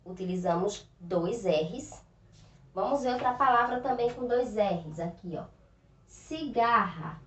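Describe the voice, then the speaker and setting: A Brazilian woman teaching young schoolchildren, speaking slowly and patiently with a Northeastern Brazilian accent and stretching out words and sounds. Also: medium pitch, a little hiss or hum. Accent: Northeastern Brazilian Portuguese. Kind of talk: recorded remote lesson for young children. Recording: roomy, distant, dull lo-fi sound.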